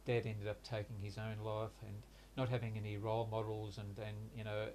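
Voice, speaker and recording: A flat, even voice on the low side belongs to an interviewee in his sixties who is recounting his life. He was born in Hungary, grew up in Australia, and his first language is Hungarian. In this reflective interview he is halting and hesitant, often pausing and restarting, and slight background noise comes through.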